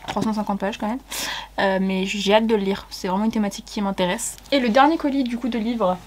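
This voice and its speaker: A young woman chatting casually as she unboxes books, excitable and giggly, with many fillers. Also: medium pitch, fairly quick, a little hiss or hum. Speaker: book vlogger.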